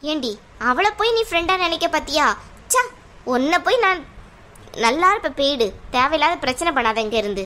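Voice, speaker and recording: Woman doing a stubborn cartoon little sister, argues sharp, really high bright voice. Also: animated, fairly quick. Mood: defiant. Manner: sharp, defiant, argumentative. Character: stubborn hot-tempered young woman, the younger sister. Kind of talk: cartoon voice acting.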